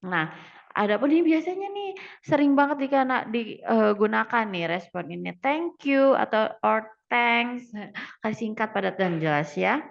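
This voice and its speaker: A woman's voice: a little high, lively intonation, moderate pace, gravelly, muffled recording. A young woman from Indonesia, a student teacher giving an English grammar lesson, who explains patiently and switches between Indonesian and English. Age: young adult.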